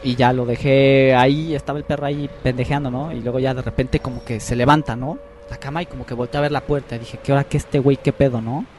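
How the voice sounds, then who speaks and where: A man's voice: medium pitch, fast talker, hardly any pauses. A young man telling a spooky personal story in casual, profane chat with friends on a podcast, acting out quotes as he goes. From Mexico. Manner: slangy, profane, animated retelling with voiced quotes. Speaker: podcast host.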